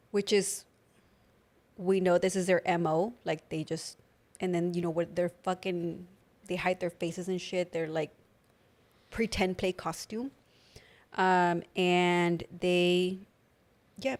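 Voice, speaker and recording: A young woman co-hosting a podcast in casual chat, talking with a slight lisp from new dental aligners and lots of filler words. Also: fairly low pitch. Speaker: podcast co-host.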